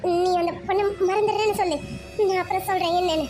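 A woman's voice: extremely high pitch, fairly even intonation, fast, darkish tone, slight background noise. A woman voicing a loving but secretive middle-aged mother in a cartoon, lamenting and pleading. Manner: pleading, lamenting, sighing "aiyo". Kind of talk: cartoon voice acting.

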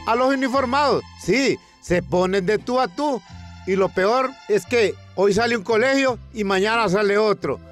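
A man's voice: sits high, fairly bright tone. A man with a Honduran accent telling a comic news monologue in a colloquial, storytelling way, acting out protest chants. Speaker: comic presenter.

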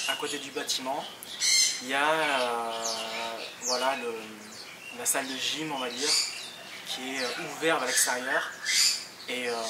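A young adult vlogger explains things casually, his mid-pitched voice halting as he searches for words. The mic sits at a distance, so he sounds some way off, and loud noise surrounds him.

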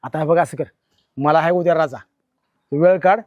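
A man's voice: a little high, normal speed, no echo, dull audio, natural voice. A man acting as a stubborn village father in a short drama, speaking. He is insistent and dismissive, and refuses to believe anything bad about his son. The recording is dry, with no room sound. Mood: friendly. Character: stubborn rural father denying his son's guilt.

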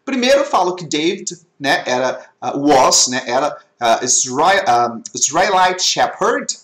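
A man's voice: fairly high pitch, big pitch swings, measured pace, a bit bright. A man teaching an online English class, explaining with many rhetorical questions. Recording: echoey webinar audio.

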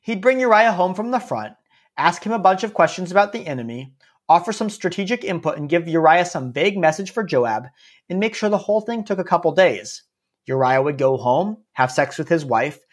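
A man narrating a story podcast in a casual, snarky way, dropping wry asides as he goes. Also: fairly high pitch.

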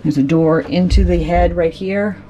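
A woman with a fairly low, steady, warm voice gives a relaxed tour of her anchored sailboat, speaking unhurriedly into a handheld camera. She points things out with frequent ums, starting outdoors on deck and then moving into the cabin.

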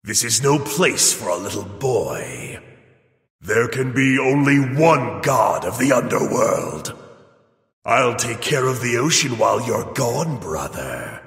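An actor voicing a menacing, brooding god of the underworld in a video game, speaking ominously. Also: male voice, medium pitch, vocal fry, fairly bright tone, echoey room, in a large hall, exaggerated voice. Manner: ominous, threatening. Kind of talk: video game taunt voice acting.

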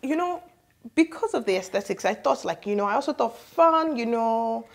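A woman hosting a book club show, speaking in a measured way and guiding the conversation with questions. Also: a little high, lively intonation, vocal fry.

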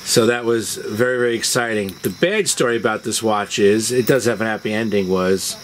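A man hosts a video from a house porch at dusk, casually telling personal stories in a fairly low voice at a slightly fast pace. The rough outdoor recording is filled with the chirping of crickets and insects.

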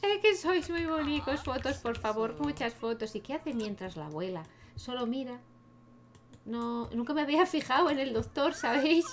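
A young woman with a Spain Spanish accent gives casual let's-play commentary, chatting to her game characters and laughing often. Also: on the high side. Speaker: gaming youtuber.

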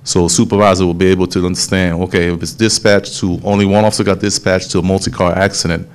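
A man, a police official explaining a program to a town hall meeting, steady and explanatory, often restarting phrases. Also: deep voice, quick pace, smooth. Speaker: police official presenting to city council.

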